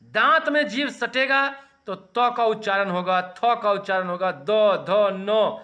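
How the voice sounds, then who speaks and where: A man teaching a grammar lesson, slowly sounding out letters and urging students to practise saying them. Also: high voice, sharp tone. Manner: slow, deliberate, sounding out letters for students to repeat.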